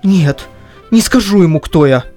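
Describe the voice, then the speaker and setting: A woman's voice: fairly low pitch, lively intonation, a little slow, warm tone, soft background music, pitched above the performer's own voice. A woman voicing a stubborn, grumbling older Cossack man in an audiobook reading, with a whiny, indignant manner. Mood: sly. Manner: whiny, indignant, muttering to himself. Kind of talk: audiobook reading of a classic story.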